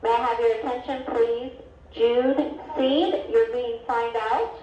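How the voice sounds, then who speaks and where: A woman making a slow, formal school announcement over a PA loudspeaker. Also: a little high, fairly even intonation. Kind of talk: public address announcement. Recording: echoey, muffled PA loudspeaker heard from across a room.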